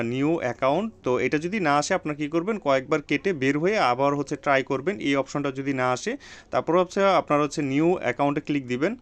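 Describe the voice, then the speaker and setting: Halting tutorial guy, smooth voice. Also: medium pitch. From Bangladesh. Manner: hesitant, many drawn-out fillers, repeats steps. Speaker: online earning tutorial host. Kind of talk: step-by-step screen tutorial.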